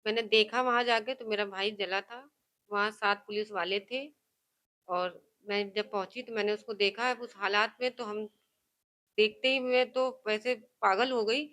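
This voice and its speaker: A woman's voice: mid-range voice, fairly even intonation, measured pace, fairly bright tone. A woman, the victim's sister, speaking emphatically and insistently in a news interview. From Kanpur. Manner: emphatic, insistent, words tumbling out. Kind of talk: news interview and heated argument.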